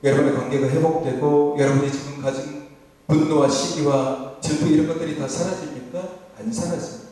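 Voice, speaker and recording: A man's voice: a little high, steady tone, brisk, mellow. A man preaching a Sunday sermon as pastor, asking the congregation rhetorical questions. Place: church sanctuary. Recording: echoey church hall from far off.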